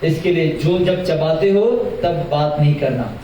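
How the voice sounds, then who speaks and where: A young religious teacher with a high voice gives a lively talk to an audience at a measured pace, asking questions and repeating key phrases for emphasis. He sounds far from the mic in a very echoey hall, with a little hiss or hum.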